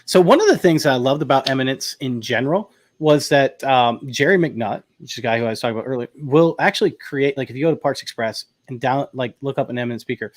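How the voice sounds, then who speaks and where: A man hosting a casual chat, talking in a relaxed, rambling way with many fillers and restarts. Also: mid-range voice, fast, few pauses, dry recording, studio quality. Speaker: host. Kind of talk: casual chat about audio gear.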